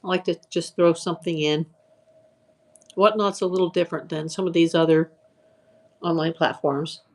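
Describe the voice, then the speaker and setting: With a lowish, steady voice at normal speed, a woman hosts a live online auction, chatting easily as she greets viewers by name and runs through the items. Hours of talking have left her sounding tired and a little hoarse.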